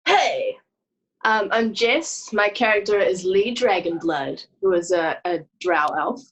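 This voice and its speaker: A woman's voice: mid-range voice, expressive, slow, fairly bright tone. A woman introducing herself as a player in a tabletop game over a video call, cheerful and hesitant with many ums. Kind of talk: casual chat at a tabletop game. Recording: slightly muffled video-call audio.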